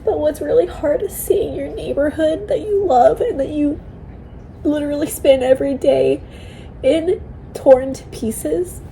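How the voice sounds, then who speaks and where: A tearful woman talking casually and haltingly in an emotional, confiding personal vlog. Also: high voice, vocal fry, dark tone, slight background noise, rough recording. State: tearful, crying. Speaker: vlogger sharing a personal update.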